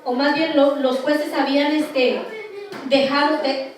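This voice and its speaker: Woman pastor preaching slow n earnest, high voice, big echoey church from far off. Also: fairly even intonation. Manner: earnest preaching with many pauses and fillers. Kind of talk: sermon. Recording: very echoey hall, mic far off.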